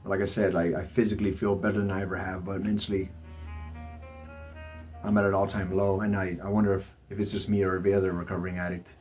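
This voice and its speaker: A man speaking in a halting personal vlog monologue, with many stammered repeats. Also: sits low, flat delivery, darkish tone. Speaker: vlogger. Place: Los Angeles. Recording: faint music behind.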